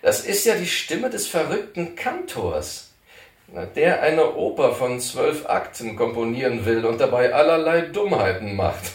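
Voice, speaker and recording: A man voicing a calm, confident frontier scout who speaks in a steady, reassuring way, in a storybook reading. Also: mid-range voice, measured pace, pitched above the performer's own voice. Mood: assured. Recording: roomy, distant mic.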